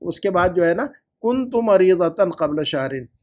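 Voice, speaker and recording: A man with a rather high voice teaches an Arabic lesson and goes through his students' homework. He explains in Hindi-Urdu mixed with English terms and stretches key words out slowly, repeating them for drilling. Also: lively intonation, darkish tone. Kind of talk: online lesson correcting homework.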